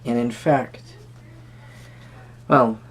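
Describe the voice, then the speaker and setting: A performer plays a quirky, friendly tarot reader at a Renaissance fair, improvising in first person to the viewer with a whimsical, musing mood. The exaggerated voice is medium-pitched, steady and slightly rough, delivered in hesitant, theatrical, halting phrases with sudden emphasis.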